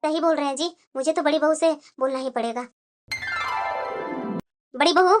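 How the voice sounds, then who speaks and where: A woman's voice: high voice, normal speed, music in the background, pitched below the performer's own voice, natural voice. Woman doing a stern, bossy mother-in-law. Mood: complaining. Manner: bossy, lecturing. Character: stern scolding middle-aged mother-in-law. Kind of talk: cartoon voice acting.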